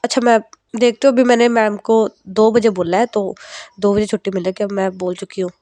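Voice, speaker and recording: A woman's voice: mid-range voice, flat delivery, a little fast, mellow, dry recording, natural voice. A woman voicing an exasperated young woman who protests defensively on a phone call. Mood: calm.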